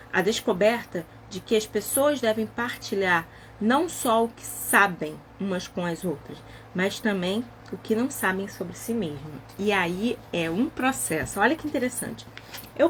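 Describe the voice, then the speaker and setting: Animated woman, casual chat. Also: medium pitch, a little hiss or hum. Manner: animated, acts out quoted dialogue. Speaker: book club participant.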